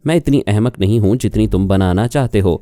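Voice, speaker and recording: A man's voice: fairly low pitch, warm tone, no room sound, clean studio sound, soft background music, natural voice. A man voicing a jealous young wife who accuses and argues, in an audiobook reading. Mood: sarcastic. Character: jealous young woman, sharp-tongued wife.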